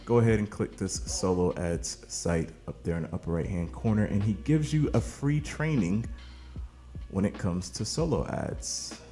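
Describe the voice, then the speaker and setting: A man's voice: fairly low pitch, moderate pace, warm tone, faint music behind. A man who hosts an online marketing channel, talking casually and pushing offers with hyped, salesy energy, tired from recording late at night. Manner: hyped, salesy, addresses viewers as "baby" and "man". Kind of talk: casual promotional talk to camera.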